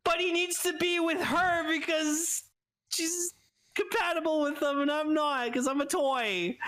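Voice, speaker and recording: A man's voice: very high voice, steady tone, unhurried, pushed and bright, pitched above the performer's own voice, heavily acted. A man voicing a gushing, self-pitying toy sidekick in love, in a plaintive manner. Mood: lovelorn gushing.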